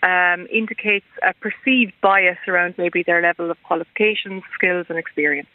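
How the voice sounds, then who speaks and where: An Irish woman speaking as an academic guest in a radio interview, explaining things in a measured, formal way. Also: on the low side, fairly even intonation, dry recording. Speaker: guest expert, university lecturer. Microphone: telephone. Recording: narrow, tinny phone line.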